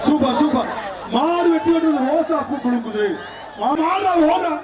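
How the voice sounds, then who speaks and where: At an outdoor bull-taming arena, a male event announcer shouts live commentary over a loudspeaker, repeating short calls. His voice is very high-pitched and animated, at normal speed. The loudspeaker sound is echoey, distant and dull, with a loud cheering crowd and noise behind it.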